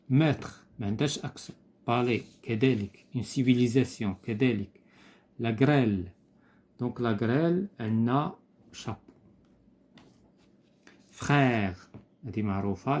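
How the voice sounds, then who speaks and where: A man with a Moroccan Arabic accent, teaching as he works through a French textbook exercise. He talks patiently, repeating each word and pausing on hesitant fillers. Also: medium pitch, creaky, darkish tone.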